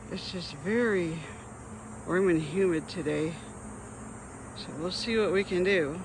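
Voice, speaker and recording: A man in his fifties narrating a casual travel vlog in a fairly high voice, chatty and plain-spoken, often pausing on ums and starting sentences over. He talks outdoors, and the recording carries a clear layer of background noise. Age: 50s. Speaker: travel vlogger. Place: outdoors at a lighthouse.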